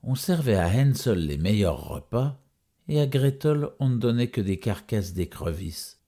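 Deep, husky male fairy-tale narrator. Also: big pitch swings, a little slow, warm tone. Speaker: storyteller.

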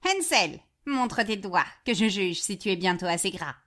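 A cruel old witch from a fairy tale, greedy and domineering, played by a woman. She snaps out harsh commands in a storybook reading. Her voice sits at a middling pitch. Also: lively intonation, moderate pace, fairly bright tone, natural voice. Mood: menacing.

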